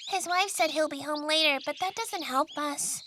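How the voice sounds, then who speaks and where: A woman's voice: sits high, normal speed, very noisy, close to an everyday voice. A woman voicing an agreeable, matter-of-fact young schoolchild in an overacted anime dub.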